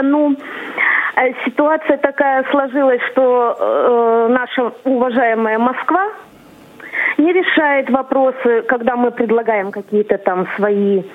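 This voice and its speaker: A woman's voice: a little high, measured pace. A woman calling in to a radio show, speaking earnestly with hesitant fillers. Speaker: caller. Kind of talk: phone-in call. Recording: tinny phone line.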